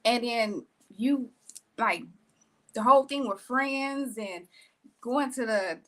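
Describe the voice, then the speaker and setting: Woman in her thirties, high voice, loose rambling podcast talk. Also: takes it slowly. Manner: warm-hearted, rambling, laughs while talking. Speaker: podcast co-host. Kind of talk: casual chat.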